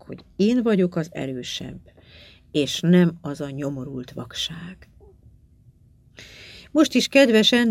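A woman reading a first-person story aloud in a calm, measured, subdued way. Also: sits low, no echo. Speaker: audiobook reader. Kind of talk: first-person audiobook narration.

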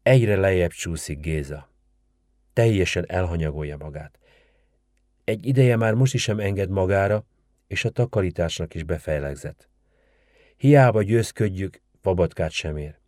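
A man's voice: low-pitched, animated, a little mellow, no room sound, clean studio sound. Figure: man doing a worried old village man. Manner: grave, pleading.

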